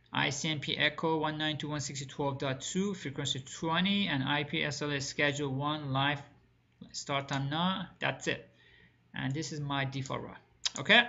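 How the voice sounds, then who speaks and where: In this screen-recorded networking class, the male instructor poses questions to students and then supplies the answers. His plain speech carries minor non-native grammar errors. The voice runs on the high side with vocal fry and a sharp tone, over dull-sounding audio.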